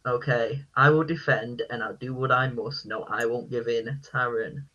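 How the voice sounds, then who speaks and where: A man hosts a casual podcast quiz, reading each clue in a deliberately deadpan delivery. His voice is bright and a little husky, and the recording sounds dull and lo-fi. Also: mid-range voice. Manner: reads lyrics in a deadpan voice. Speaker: quiz host.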